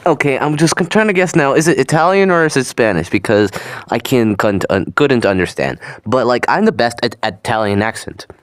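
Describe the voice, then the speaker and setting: A man's voice: mid-range voice, lively intonation, fairly quick, no echo, studio quality. A young man hosting his own reaction video, chatting casually and rambling, often trailing off with "so yeah". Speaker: channel host reacting to a video.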